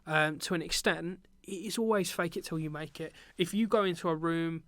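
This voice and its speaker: Here a British teacher and business owner in his young adult years shares work anecdotes on a laid-back podcast, umming often. His slightly high voice moves at a moderate pace, and the recording is dry.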